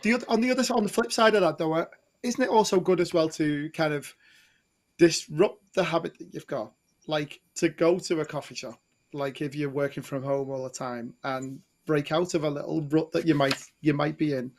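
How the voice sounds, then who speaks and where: A man's voice: on the high side, normal speed. A man co-hosting a live online chat, asking questions in a joking, tentative way. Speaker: co-host. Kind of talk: casual chat.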